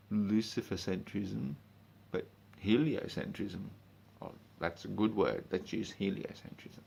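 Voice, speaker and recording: A man in a drunken, rambling, sweary rant, speaking informally and haltingly, with emphatic bursts and muttered asides. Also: low-pitched, gravelly, a little hiss or hum. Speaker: monologue speaker.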